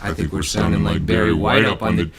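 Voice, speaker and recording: A man talking through a deep pitch-shifted voice changer during playful livestream chat, crooning and tacking "baby" onto his lines. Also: monotone, fairly quick, over a noisy crowd. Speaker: livestream co-host.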